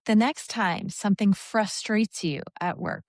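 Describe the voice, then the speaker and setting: A woman's voice: mid-range voice, a little slow, no echo, clean studio sound. A woman co-hosting a podcast, chatting in an upbeat, encouraging way about workplace leadership. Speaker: podcast co-host. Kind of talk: casual podcast chat.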